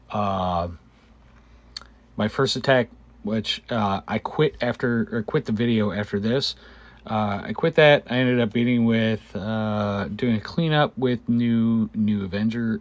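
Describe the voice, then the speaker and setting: Guy doing slow casual game commentary, kinda halting, thinking out loud, coughing and clearing his throat. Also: on the low side, no room sound, muffled recording. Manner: halting, hesitant, thinking aloud. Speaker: gamer narrating own gameplay video.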